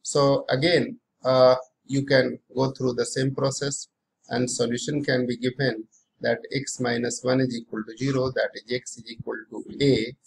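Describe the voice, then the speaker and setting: A man's voice: medium pitch, little pitch movement, moderate pace, vocal fry, slight background noise, low-quality recording. A middle-aged man with an Indian accent teaching maths, working through problems aloud, often repeating phrases and posing questions to himself.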